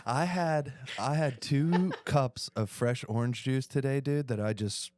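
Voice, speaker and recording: A man's voice: mid-range voice, unhurried, a little mellow, no echo, studio quality. A man co-hosting a casual group podcast, enthusiastic and full of slang. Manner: enthusiastic, slangy, calls people dude. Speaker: podcast co-host.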